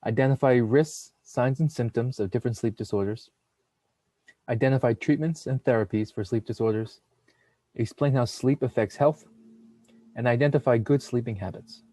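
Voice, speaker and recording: Young guy hosting a webinar, reads off his script, warm low-key voice, dry sound. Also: moderate pace, no echo. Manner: steady, reads long lists of names and titles. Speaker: webinar host, nursing student. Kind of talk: read webinar presentation.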